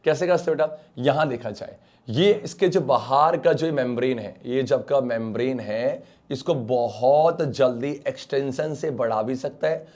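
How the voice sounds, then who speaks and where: A man's voice: mid-range voice, normal speed, darkish tone. An Indian man teaching an online science class, coaxing his students with questions and mixing English terms into his speech. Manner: coaxing, calls students beta and bachcha, mixes English terms; asks questions and answers for the students.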